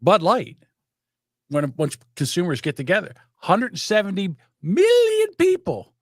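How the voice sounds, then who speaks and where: An older co-host from South Jersey speaks in a high-pitched, unhurried voice, chatting casually on a podcast. His storytelling rambles and is animated and full of profanity. The recording is studio quality, with no echo.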